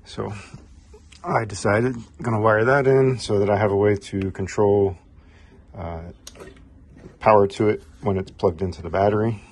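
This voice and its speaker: At a workbench in his home garage, a middle-aged HVAC technician shows off a homemade test tool in a laid-back, rambling demo packed with fillers. He speaks at a moderate pace in a lowish voice, off-frame behind the camera, recorded on its mic.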